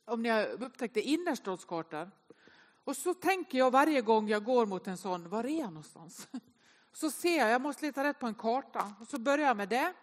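A woman, telling self-mocking stories in an animated way during a humorous Sunday sermon to a congregation. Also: fairly high pitch. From inland northern Sweden. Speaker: speaker at a Sunday service. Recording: long reverb of a large hall.

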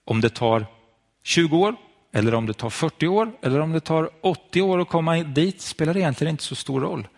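A man's voice: fairly high pitch, animated, vocal fry. A man preaching to viewers at home, telling a Bible story and speaking directly to the listener.

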